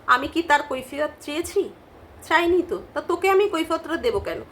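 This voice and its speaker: A woman's voice: sits high, big pitch swings, fairly quick, a bit bright, a little hiss or hum. A woman vlogger with a Bengali accent delivering a confrontational, scolding rant to camera, repeating her points.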